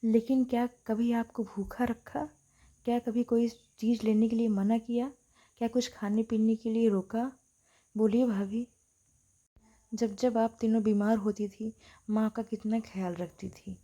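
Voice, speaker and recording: A woman voicing a young daughter who speaks firmly and loudly in defense of her mother. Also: on the high side, flat delivery, measured pace. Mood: angry. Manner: firm, raised, forceful. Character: young daughter, bold and outspoken.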